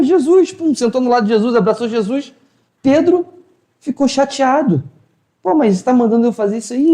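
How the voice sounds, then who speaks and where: Man telling lively stories in a roomy hall. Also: very high voice. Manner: colloquial storytelling, acts out dialogue. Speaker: spiritual lecturer. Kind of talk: informal spiritual talk. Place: hall of a spiritual house. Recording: roomy echo.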